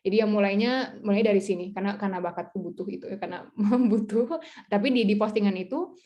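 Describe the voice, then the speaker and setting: Young woman chatting on a video call webinar, animated, laughs a lot, mid pitch. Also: quick pace, dull audio. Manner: chatty and animated, laughing often, acting out French speakers' replies. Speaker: guest speaker, French tutor and content creator. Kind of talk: casual webinar talk.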